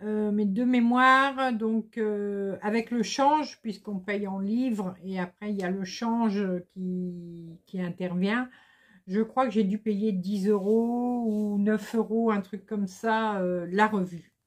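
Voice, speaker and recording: A woman's voice: mid-range voice, fairly even intonation, takes it slowly. A middle-aged woman chatting casually to her viewers about embroidery magazines, hesitant and full of fillers. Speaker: embroidery vlogger. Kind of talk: casual chat to camera.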